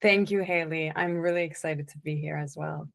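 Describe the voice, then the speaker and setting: A woman coach telling her life story as a podcast guest, in a relaxed, conversational way with frequent restarts. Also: sits low, moderate pace, vocal fry. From born in the United States, raised in Italy and Canada. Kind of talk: casual interview chat.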